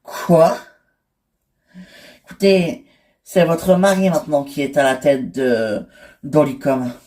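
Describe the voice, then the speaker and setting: A woman's voice: low voice, steady tone, takes it slowly, dark tone. A woman voicing a formal male clerk who apologetically delivers bad news, in a toy-figure soap drama. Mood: apologetic.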